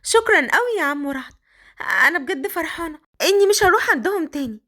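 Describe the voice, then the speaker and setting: A woman with an Egyptian accent voicing a timid young orphan girl who pleads in a quick, anxious way. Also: very high-pitched, animated, sharp tone, voice pushed up, heavily acted. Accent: Egyptian Arabic.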